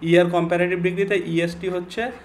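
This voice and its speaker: This online exam-prep lesson comes from a young male English grammar teacher whose Bengali accent is clear as he slowly and deliberately reads example sentences aloud. His voice sits high with little pitch movement, over a faint hiss or hum.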